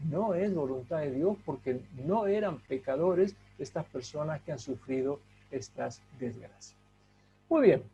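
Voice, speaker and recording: Guy teaching a bible class, higher voice but warm and soft-edged, stretches out words for emphasis. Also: lively intonation, vocal fry, highs cut off, faint music behind. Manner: emphatic, rhetorical questions, drawn-out stressed words; asks the class to help read.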